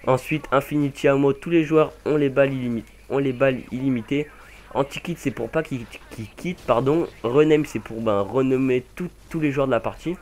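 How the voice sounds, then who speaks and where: A man's voice: medium pitch, a little fast, darkish tone. A young man casually commenting over a game mod demo, rambling with many fillers and self-corrections. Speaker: gaming channel host.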